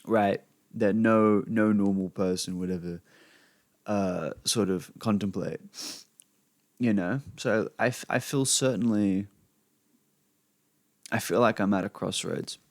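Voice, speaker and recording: Speaking slowly and pausing often, a young Australian vlogger with a fairly low voice rambles to camera without a script. There's no echo on the desk-mic recording, which he sometimes pops, and he curses freely while leaning on "you know" asides.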